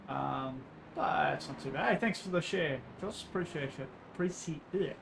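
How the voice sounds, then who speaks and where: A man's voice: fairly high pitch, lively intonation, moderate pace, gravelly. A man with an Australian accent casually commentating on a livestream in a laid-back, blokey, matey way. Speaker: livestreamer racing in an online endurance sim race. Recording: some background noise.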